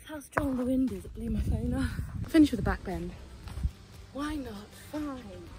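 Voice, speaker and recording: A woman's voice: on the high side, animated, measured pace, background noise. A young woman chatting casually to her phone camera as a vlogger, upbeat and poking fun at herself. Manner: chatty, upbeat, self-mocking. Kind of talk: casual vlog chat. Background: background music.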